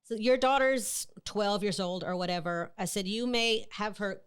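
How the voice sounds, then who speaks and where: Chatty woman host, smooth clear voice. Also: medium pitch, moderate pace. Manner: chatty, jumps in over the guest. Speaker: podcast host. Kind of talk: casual interview chat.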